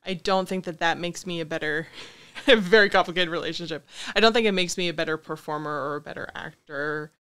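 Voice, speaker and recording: Brief: female podcast guest, slightly low voice, reflective and candid. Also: fairly bright tone, clear, resonant tone. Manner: candid, reflective, self-deprecating. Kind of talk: casual conversation.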